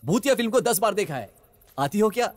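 A man playing a fast-talking, teasing friend in a comedy film dub. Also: sits high, lively intonation, long reverb tail. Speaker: joking friend. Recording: film dub over music.

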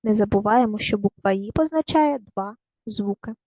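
A woman teaching a recorded primary school lesson, giving clear, patient step-by-step instructions to young children. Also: mid-range voice, animated, normal speed, warm tone, no echo, rough recording.

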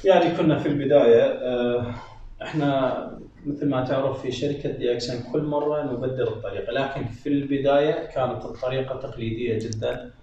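Male audience member, gravelly and quick, hesitant; picked up far off in a boomy room. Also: fairly even intonation, dark tone. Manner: hesitant, with fillers. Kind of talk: answering from the audience. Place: lecture room. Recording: distant, very echoey, muffled room sound.

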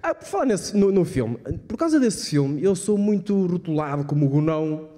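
A man's voice: high-pitched, sing-song, normal speed, warm tone. A man doing slangy, profane stand-up and bantering with a live crowd. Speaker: stand-up comedian. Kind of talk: crude stand-up comedy. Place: live comedy venue with audience. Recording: reverberant live hall.

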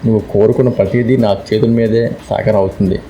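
A man's voice: on the low side, steady tone, fast, dark tone, dull audio, slight background noise, close to an everyday voice. A man reading the lines of a devoted young man in love, in a plain storytelling voice. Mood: tender.

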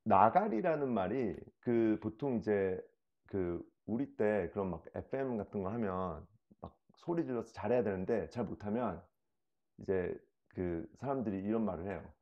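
Male interview guest, middle-aged, low voice, halting and casual, slightly muffled room sound. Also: animated. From South Korea. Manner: slow, halting delivery. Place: small living room, on a sofa indoors.

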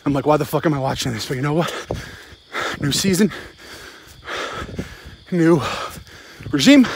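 A football fan and sports vlogger in his forties walks outdoors at night, ranting into a phone held close after a game. His fairly high voice comes in short, emphatic, blunt and sweary bursts as he rambles to camera, with a little hiss or hum on the audio.

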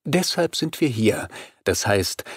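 A man voicing a scornful female vampire queen who speaks calmly and mockingly in an audiobook. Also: fairly low pitch, slow pace, husky, no room sound, studio quality, full character voice.

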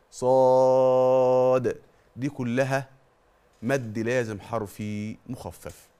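A middle-aged Egyptian man gives a televised Quran recitation lesson in a mid-pitched voice. He quizzes the listener with quick questions and answers them himself. He draws out the long vowels slowly to demonstrate each rule. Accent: Egyptian Arabic. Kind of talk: TV tajweed lesson.

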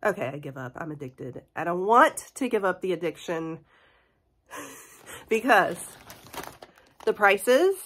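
A woman's voice: mid-range voice, a bit bright. Bubbly stuffy-nosed woman in her forties. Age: 40s. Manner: bubbly and chatty, laughs often. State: stuffy from a cold. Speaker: beauty and haul vlogger. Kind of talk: casual product review vlog.

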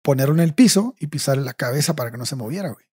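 Slangy Mexican man with a husky voice. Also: medium pitch, lively intonation, rapid-fire, a little mellow. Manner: slangy, swears freely, ends phrases with "güey". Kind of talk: casual storytelling chat.

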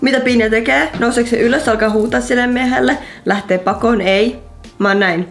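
A woman of about twenty, a vlogger chatting casually and telling animated stories to her viewers. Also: on the high side, over loud music. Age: around 20. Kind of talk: casual storytelling vlog.

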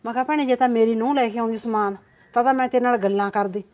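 A nagging, gossipy old mother-in-law, played by a woman, with a high-pitched voice. She complains and argues back at her husband. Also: steady tone, very fast, darkish tone, lo-fi sound, lightly acted. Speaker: actor. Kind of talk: amateur short-film acting.

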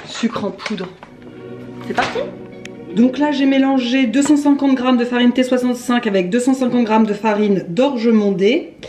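A woman's voice: a little high, moderate pace, mellow. A woman in her thirties chatting casually as she cooks at home and explaining each step of a recipe. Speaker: cooking vlogger. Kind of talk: casual cooking vlog. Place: home kitchen, indoors. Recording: echoey kitchen, music behind.

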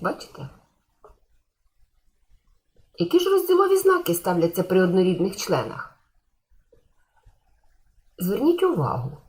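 A woman's voice: mid-range voice, a little mellow. A woman teacher giving a patient grammar lesson to schoolchildren, repeating key points and asking the class questions.

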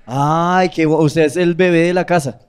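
A man's voice: on the high side, steady tone, normal speed, clean tone. A man with a Colombian accent hosting a roast on a comedy club stage, teasing a comedian with crude slang and laughing often. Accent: Colombian Spanish. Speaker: roast host. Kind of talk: loose stage banter.

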